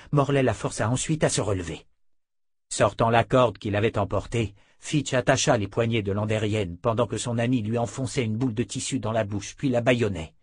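A male audiobook narrator with a husky, mid-range voice reads a script in a steady, measured storytelling manner. There is no echo.

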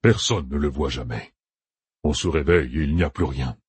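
Man doing a weary, hushed village mayor. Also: very deep voice, moderate pace, breathy edge, voice pushed down, full character voice. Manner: tired, subdued. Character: weary middle-aged male village mayor.

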